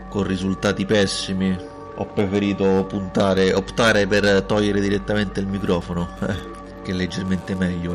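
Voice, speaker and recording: A man hosting a podcast, talking casually with hesitant restarts, on a low-quality recording made without a proper microphone. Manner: hesitant, repeats words and trails off with fillers. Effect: low-quality audio recorded without a proper microphone. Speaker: podcast host. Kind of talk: casual spoken podcast intro.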